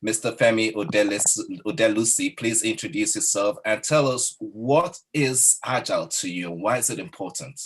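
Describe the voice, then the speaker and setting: Low husky male panel moderator. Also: moderate pace, few pauses. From Nigeria. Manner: warm, introduces each guest by name. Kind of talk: online panel discussion.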